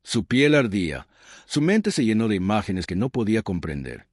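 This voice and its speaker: A man's voice: lowish voice, sing-song, moderate pace, dry recording, studio quality. A man reading a scripted horror story in a dramatic, suspenseful storytelling manner. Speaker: narrator.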